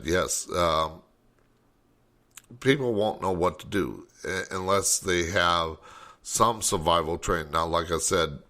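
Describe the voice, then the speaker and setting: A man's voice: low-pitched, bright, forceful tone. A man hosting a late-night call-in talk show, rambling and thinking aloud as he goes.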